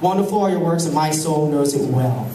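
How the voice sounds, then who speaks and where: A young man preaching a sermon on a handheld mic, animated, swinging from loud to hushed. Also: fairly high pitch, a little fast. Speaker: pastor. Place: large church hall with stage. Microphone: handheld mic, filmed from the pews. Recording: echoey hall, far camera, faint hum.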